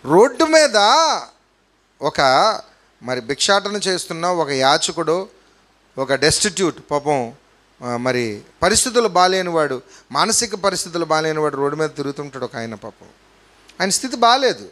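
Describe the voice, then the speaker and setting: Male preacher with a high voice, emphatic, keeps quizzing the congregation with rhetorical questions. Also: animated, moderate pace, long pauses. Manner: emphatic preaching, swinging between loud and soft. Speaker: pastor. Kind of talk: sermon.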